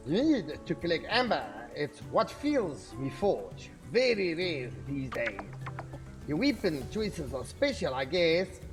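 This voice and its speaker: A gruff smith who keeps a forge, as a man acts him out in a video game, with a put-on Scottish accent and a slightly grumbling manner. The pitch sits a touch above an average man's, with faint game music behind.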